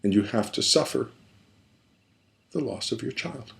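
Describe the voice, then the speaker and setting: A male therapist explains family dynamics conversationally and with animation, now and then acting out the people he describes. His mid-range voice is gravelly and a little slow.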